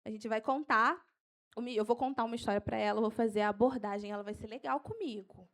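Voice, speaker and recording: A woman evangelist teaching an evangelism training at church, animated and quick to get carried away, then slowing down to dictate Bible verses. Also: on the high side. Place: church hall.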